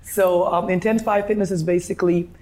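A woman's voice: fairly low pitch, steady tone, a little fast, a little mellow. A woman from Guyana who is a fitness instructor, speaking as a guest in a casual interview with restarts.

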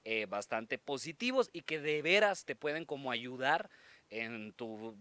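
A man's voice: medium pitch, expressive, measured pace, bright, forceful tone, clear, resonant tone, no room sound. A man with a Guatemalan Spanish accent co-hosting a podcast in casual chat. He jokes around and reads out listener comments. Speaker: podcast co-host.

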